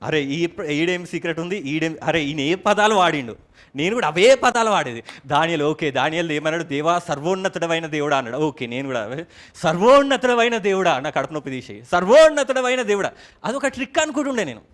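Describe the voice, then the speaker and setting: A man's voice: on the high side, animated, quick pace, fairly bright tone. A man preaching a sermon to his church in a Telangana Telugu accent, often putting questions to the congregation and mixing in English words. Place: church service.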